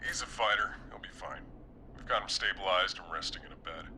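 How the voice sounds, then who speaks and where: An actor playing a steady male caller in a video game, calm and reassuring, heard over a clipped phone line. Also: sits low, brisk, a little hiss or hum. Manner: calm, reassuring, matter-of-fact. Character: steady man caller tending a wounded friend. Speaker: caller to a late-night radio show.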